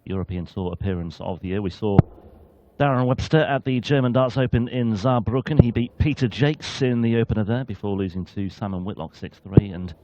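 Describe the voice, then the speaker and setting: Male darts co-commentator, brisk and analytical, with a mellow tone. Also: lowish voice, highs cut off, a little hiss or hum.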